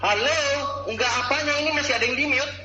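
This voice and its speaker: Man acting an angry, high-pitched Indonesian boss. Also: quick pace, very noisy. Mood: indignant, sarcastic. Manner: angry, scolding, sarcastic. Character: angry male boss scolding staff in meeting. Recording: roomy, echoey, dull lo-fi sound.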